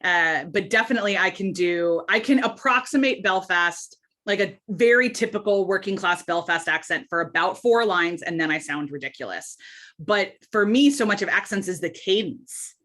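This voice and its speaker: American woman, podcast guest, chatty, animated, quick asides. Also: medium pitch. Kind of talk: casual podcast interview.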